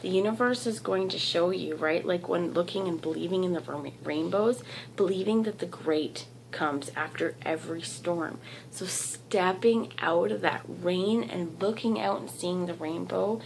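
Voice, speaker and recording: A woman delivers a channelled tarot reading, soft-spoken and reassuring, often circling back and restarting her thoughts. Her voice is gravelly and worn, as if she is losing it, with a faint hiss of noise behind her. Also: on the low side, measured pace, poor audio. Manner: gentle, encouraging, rambling with restarts. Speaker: tarot reader.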